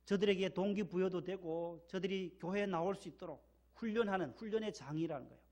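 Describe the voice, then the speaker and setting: This high, slightly fast, darkish voice belongs to a male pastor from Korea's Gyeongsang region preaching in a church sanctuary. He speaks emphatically, repeats key words for stress, and leads call-and-response.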